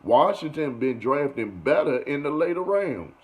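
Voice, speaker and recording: A man's voice: on the high side, sing-song, normal speed, a little mellow. A young man running a casual sports commentary vlog, talking loosely and repeating himself with "you feel me" and "you know". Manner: loose and conversational, repeats phrases, keeps saying "you feel me". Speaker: sports vlogger.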